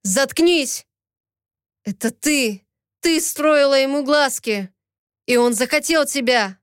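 A woman's voice: sits high, takes it slowly, no echo. A harsh young man barking orders in a storybook, voiced by a woman, dry and close. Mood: angry. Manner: curt, harsh shouted commands.

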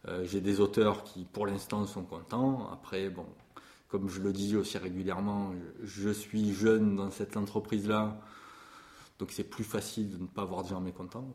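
A man's voice: deep voice, little pitch movement, normal speed, darkish tone. A man in his forties, a music publisher, talking with passion about his trade in an interview, with many fillers and restarts. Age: 40s. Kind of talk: interview conversation.

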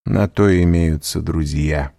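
A man's voice: a bass voice, slow, creaky, mellow, no room sound, studio quality, full character voice. A man voicing a cornered young male fugitive who pleads desperately for his life in a storybook reading. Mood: cool. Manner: desperate begging, later cold and scornful.

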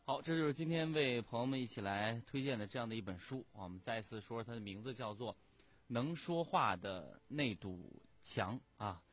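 A male radio host closing a book-reading program, calm and courteous. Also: mid-range voice, moderate pace.

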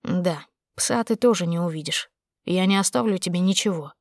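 A woman reading an audiobook and voicing a cold, contemptuous husband who is sometimes harsh and sometimes quietly menacing. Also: lowish voice, moderate pace, no echo, clean studio sound, natural voice. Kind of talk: audiobook character voice.

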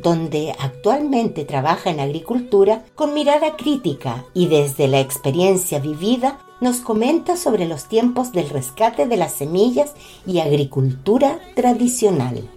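A woman host reading a formal, scripted podcast narration in a measured way. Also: on the low side, big pitch swings, warm tone, faint music behind.

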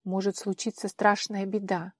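A woman voicing a plump, red-haired, kindly but anxious woman who speaks softly, in an audiobook. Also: medium pitch, level tone, moderate pace, breathy edge, dry recording, close to an everyday voice. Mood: anxious, flustered. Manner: soft, hushed.

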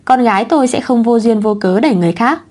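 Cold curt tall husband in a storybook, read by a woman, fairly high voice. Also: animated, fast, darkish tone.

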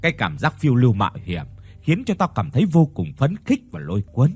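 A man's voice: medium pitch, huge pitch swings, a little fast, darkish tone, slightly rough, dry recording, soft background music. A man voicing an eager, persuasive young man who leads his group of friends on an adventure.

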